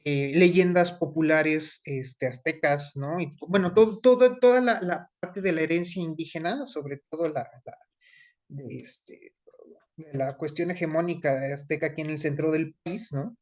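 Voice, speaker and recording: A man's voice: a little high, unhurried. A man in his forties with a Mexican Spanish accent, a teacher giving an online class in a discursive way, with many fillers and tag questions.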